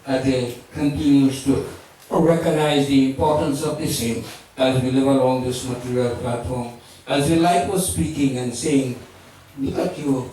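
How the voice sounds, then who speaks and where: A man giving a funeral sermon in a halting way, with many "you know"s. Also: medium pitch, a little mellow, a little hiss or hum. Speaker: funeral officiant. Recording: roomy echo, far from the mic.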